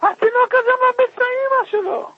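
A man voicing an upset, tearful young boy in a shrill wail during a sermon story. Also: phone-quality sound. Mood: distraught.

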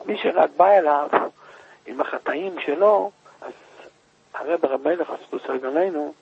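A man preaching by telling a story with emotion, rising now and then to loud, high cries. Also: gravelly, slightly rough, dull audio. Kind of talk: storytelling sermon.

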